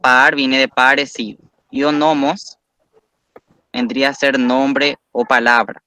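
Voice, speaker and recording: A man's voice: medium pitch, little pitch movement, takes it slowly, sharp tone. A man teaching a language class, explaining patiently step by step and praising students.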